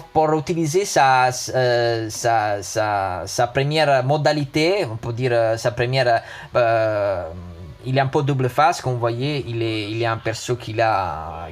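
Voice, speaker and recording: A man with a foreign accent in French who is not a native speaker, giving a casual unscripted game review and often repeating words and restarting. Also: medium pitch. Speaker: gaming video host.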